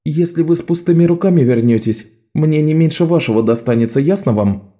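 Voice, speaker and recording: A man voicing a bossy, sharp-tongued young girl thief who leads a gang of boys, scolding and commanding. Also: fairly high pitch, brisk, pitched above the performer's own voice, close to an everyday voice. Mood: exasperated.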